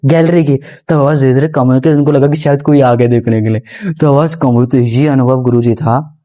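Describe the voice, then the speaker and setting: A man's voice: mid-range voice, fairly even intonation, a little fast, mellow. A young man, a podcast guest, earnestly telling a personal story in a rambling, respectful way, often calling the host guruji. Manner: rambling, with restarts and repeated phrases. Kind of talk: casual first-person storytelling.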